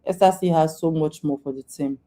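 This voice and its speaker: A woman's voice: deep voice, a little fast, dark tone. A woman answering questions in a live online session, talking informally with repeats and restarts in a coaching tone. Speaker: guest speaker on data careers. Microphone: video call.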